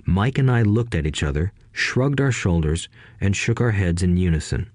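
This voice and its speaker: Male audiobook narrator with a low, dry voice and steady, measured delivery. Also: no room sound.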